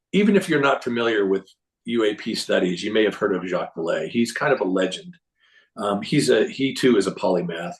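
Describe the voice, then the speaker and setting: A man giving a casual, rambling recap of a symposium to a group, often clearing his throat and restarting sentences. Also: lowish voice, poor audio. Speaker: presenter reporting on a symposium.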